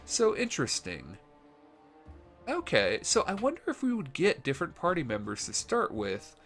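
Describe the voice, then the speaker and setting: A man casually commenting on a role-playing game he plays, thinking aloud with plenty of fillers, his voice going hoarse. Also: a little high, wildly swooping pitch, moderate pace, fairly bright tone, faint music behind. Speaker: let's play host. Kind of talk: casual gameplay commentary reading dialogue aloud.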